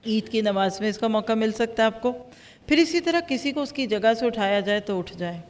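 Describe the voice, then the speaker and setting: A woman teaching a Quran lesson, lively and acting out everyday dialogues as examples. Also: a little high, long reverb tail. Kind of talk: religious lecture.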